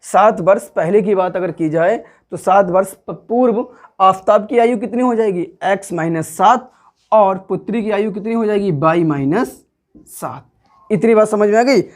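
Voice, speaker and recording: A high-pitched man with a Hindi accent speaks a little slowly while teaching a maths class step by step. He poses questions to the class, answers them himself, and patiently repeats each step.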